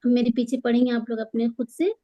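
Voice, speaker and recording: A woman teaching Quran tajweed, patiently explaining the rules and slowing down to stretch out each recited word. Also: fairly high pitch, level tone, mellow, low-quality recording. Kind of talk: tajweed lesson, spelling out letters and drawing out recited words.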